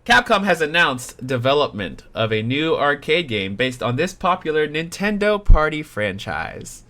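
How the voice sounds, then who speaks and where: A man hosting a casual online video game quiz show, jokey and quick to laugh. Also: a little high. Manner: jokey, laughs often, lively.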